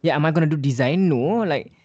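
Fast-talking young Singaporean man hosting a podcast. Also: fairly high pitch, highs cut off, a little hiss or hum. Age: young adult. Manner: loud, informal, slangy, code-switching. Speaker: podcast host. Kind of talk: casual podcast chat.

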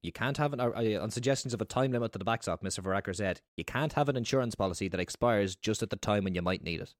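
A man's voice: on the low side, very fast, dry recording, studio quality. A man, co-hosting a casual political chat, ranting and swearing with sarcasm. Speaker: podcast co-host.

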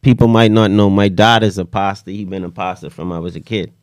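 A man's voice: lowish voice, steady tone, brisk, no room sound. Slangy male rapper, close dry sound. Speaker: rapper, interview guest. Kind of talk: casual interview chat.

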